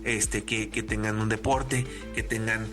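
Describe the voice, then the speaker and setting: A man's voice: on the low side, flat delivery, measured pace, music in the background. A middle-aged man co-hosting a casual film discussion podcast, rambling with frequent restarts. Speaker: podcast co-host.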